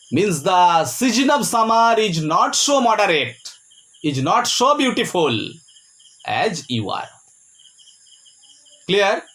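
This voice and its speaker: A man teaching a poem. He speaks with heavy emphasis, spells words out letter by letter and checks in with "Clear?". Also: high voice, a bit bright. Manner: ends points with a rising "Clear?". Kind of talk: poetry lecture.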